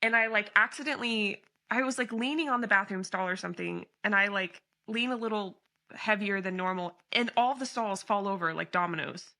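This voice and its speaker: Bright, animated woman podcast host. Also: medium pitch, brisk. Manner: animated, laughs easily, lots of fillers. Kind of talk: casual podcast chat.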